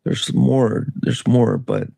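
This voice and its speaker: A man's voice: fairly low pitch, steady tone, slow, gravelly, mellow, breathy edge, dry recording. Guy rambling on his livestream, takes his time, laughs and swears a bit, dry close sound. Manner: rambling and loose, with chuckles and swearing. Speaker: livestream host. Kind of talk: casual solo livestream chat. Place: Canada.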